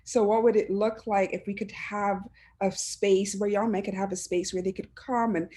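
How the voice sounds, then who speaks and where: A heartfelt woman with a lilt speaks as a panelist over a video call. Her pitch sits in a middle range, and she often restarts a phrase before she lands it. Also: level tone, normal speed, warm tone. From Barbados. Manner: earnest, heartfelt, with frequent restarts. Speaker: panelist, education administrator. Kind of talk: reflective personal talk on a panel.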